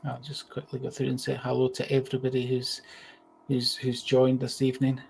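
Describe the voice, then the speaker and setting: A Scottish man hosts a casual live-stream conversation at a middle pitch. He talks in an easygoing way, agreeing often and trailing off into fillers. His voice comes through a video call with faint noise behind it. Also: completely flat delivery, fairly quick, gravelly, darkish tone. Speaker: host.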